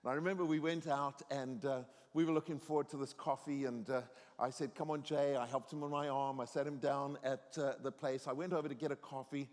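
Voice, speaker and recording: A man's voice: mid-range voice, fairly even intonation, a little fast, hardly any pauses. A middle-aged man giving a storytelling sermon as a guest preacher in a university chapel, earnest and increasingly emphatic. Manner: earnest storyteller, grows more emphatic and exhorting. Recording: reverberant chapel hall.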